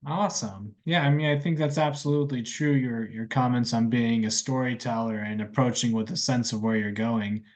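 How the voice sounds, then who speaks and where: A man's voice: medium pitch, fairly even intonation, moderate pace, hardly any pauses, darkish tone. A man working as an interviewer, asking questions in a casual conversational style.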